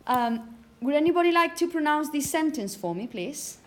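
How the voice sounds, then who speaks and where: With a voice that sits high and sounds animated, a woman teaching phonetics keeps a moderate pace, explaining and emphasizing example words and often asking check-in questions. Echo and background noise mark this indoor classroom recording.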